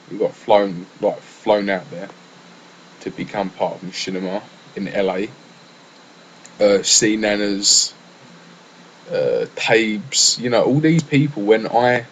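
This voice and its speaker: A man's voice: on the low side, a little hiss or hum, poor audio. A young English man rambling casually through a solo gaming podcast, full of fillers and restarts. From England.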